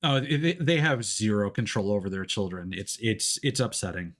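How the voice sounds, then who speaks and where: A man casually commentates a game live, thinking aloud into a streaming microphone with headphones while game music plays behind him. His voice is fairly low and a bit bright, at a moderate pace.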